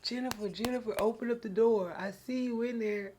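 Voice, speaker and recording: A man's voice: extremely high pitch, fairly even intonation, a little fast, noisy background. A woman doing a drunk, pleading young man at the door. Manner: pleading, whiny, raised voice.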